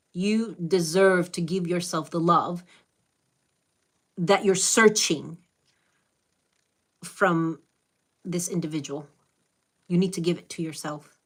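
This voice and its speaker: A woman whose first language is Spanish, and who speaks with a Spanish accent, gives blunt, direct, motherly advice to viewers on a live stream in a fairly low-pitched voice.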